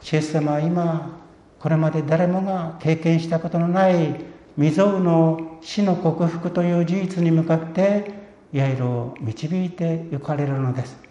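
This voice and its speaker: A man preaching a sermon in an earnest, measured way. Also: fairly high pitch, warm tone, slight background noise. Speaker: pastor. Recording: echoey room, dull lo-fi sound.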